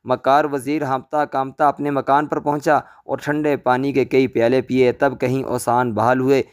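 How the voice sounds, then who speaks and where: A man narrating a historical tale as a storyteller, in dramatic, measured scripted narration. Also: medium pitch, level tone, smooth.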